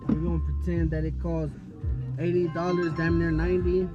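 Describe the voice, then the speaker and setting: A man's voice: a little high, little pitch movement, brisk, highs cut off, loud music behind the voice. Laid-back slangy man, a father. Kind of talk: casual vlog chat.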